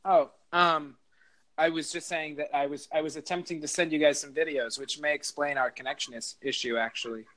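A man's voice: a little high, steady tone, brisk, pushed and bright. Rambling man on a podcast call. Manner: rambling, hesitant storytelling with many fillers. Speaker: podcast co-host. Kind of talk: casual chat.

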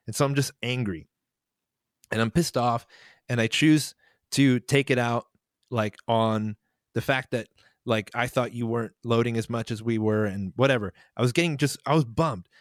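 A man's voice: medium pitch, moderate pace, no echo, studio quality. Rambling young man telling a story. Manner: rambling, laughs through his story. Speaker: podcast co-host, band member. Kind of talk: casual storytelling chat.

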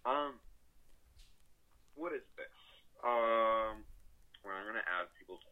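A man's voice: on the low side, lively intonation, slow pace, phone-quality sound. A young man grumbling and joking casually as a podcast co-host on a call. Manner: grumbling, mumbly, self-mocking.

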